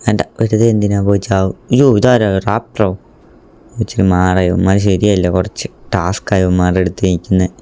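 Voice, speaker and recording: A man giving casual gameplay commentary as a gaming YouTuber. He talks straight to his viewers and breaks into frequent excited exclamations. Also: deep voice, brisk, smooth. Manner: addresses viewers directly.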